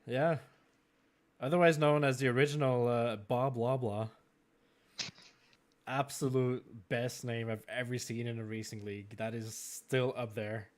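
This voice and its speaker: French Canadian male host, mid-pitched, chatty, laughs often, loose filler-heavy draft commentary. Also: fairly even intonation, measured pace. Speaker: host of a racing league draft. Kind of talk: live-streamed draft commentary.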